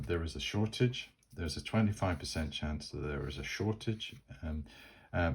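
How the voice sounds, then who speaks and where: A man from Scotland narrating a solo tabletop game and rolling dice as he goes. His voice sits very low and husky, and his telling rambles, full of fillers and restarts. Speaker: solo game master and player.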